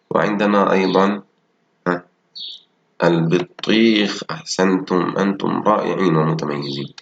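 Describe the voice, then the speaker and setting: A man teaching a primary school Arabic lesson, reading example words slowly and praising his pupils as he goes through textbook exercises. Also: sits low, creaky, highs cut off, slight background noise. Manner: slow, drawn-out reading of example words and sentences.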